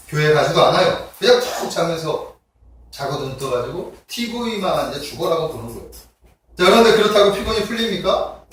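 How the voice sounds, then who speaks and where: A man's voice: on the high side, fairly bright tone. A male pastor giving a conversational sermon and often checking in with the congregation. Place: church sanctuary. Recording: echoey church hall recorded from far off.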